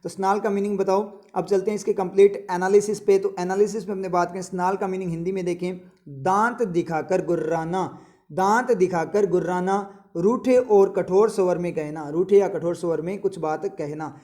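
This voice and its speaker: High-voiced chatty male tutor. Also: fairly even intonation, warm tone. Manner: chatty, quizzes viewers, repeats words slowly to explain. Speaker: English vocabulary teacher. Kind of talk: casual spoken lesson.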